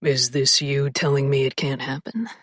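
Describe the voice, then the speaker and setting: A woman narrator voicing a confident, teasing adult male lover in a low, murmuring, half-whispered voice for an audiobook. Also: steady tone, moderate pace, a bit bright, dry recording, studio quality. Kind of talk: audiobook character voice.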